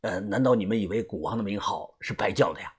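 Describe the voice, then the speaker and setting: A man's voice: mid-range voice, very animated, normal speed, a little mellow, husky. A man voicing a nervous hired guide in an audiobook, stammering and full of hesitations. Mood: anxious. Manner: stammering with many fillers.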